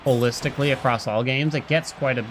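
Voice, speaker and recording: Over loud game music, a middle-aged man rambles through his live stream commentary, thinking out loud and humming small nonsense tunes. He speaks quickly in a medium pitch, with slight background noise in the recording.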